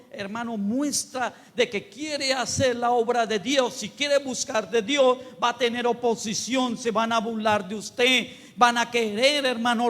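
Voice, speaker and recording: Colombian pastor, male, high preaching voice, keeps addressing the congregation, church echo. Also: a bit bright. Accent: Colombian Spanish. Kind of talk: sermon. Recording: long hall reverb.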